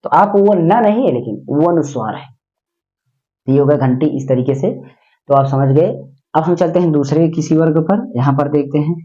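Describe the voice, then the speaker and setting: A man teaching a grammar lesson with a dark, mellow voice. He repeats words and keeps asking the class questions. The sound is dull and lo-fi. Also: a little high, normal speed.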